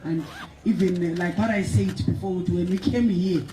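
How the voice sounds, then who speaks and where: A man's voice: sits high, fairly even intonation, moderate pace. A man with a Zimbabwean Ndebele-English accent speaking on a panel. He switches between languages and stops often to search for words. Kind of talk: panel discussion remarks. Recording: echoey hall from far off, with noise.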